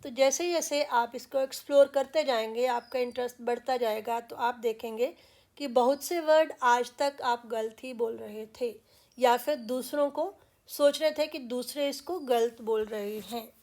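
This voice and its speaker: A woman's voice: on the high side, normal speed, a little mellow. A woman from India with an Indian English accent, teaching English pronunciation patiently and repeating example words with care.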